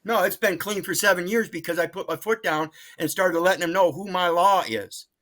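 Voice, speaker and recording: Earnest American man, radio show caller, higher-pitched. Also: brisk, fairly bright tone. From Mississippi, United States. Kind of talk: unscripted call-in debate.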